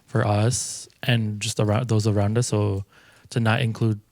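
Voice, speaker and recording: A young man co-hosting a casual faith-based chat, talking in a relaxed, reflective way and often restarting his sentences. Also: fairly low pitch, normal speed, no room sound. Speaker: co-host.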